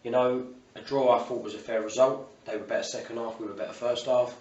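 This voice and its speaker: A man's voice: mid-range voice, level tone, fast talker, a little mellow, dull audio. A man with a south-east English accent giving a colloquial, matey post-match interview as a football manager, peppered with "you know". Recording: roomy, distant mic, faint ambient noise.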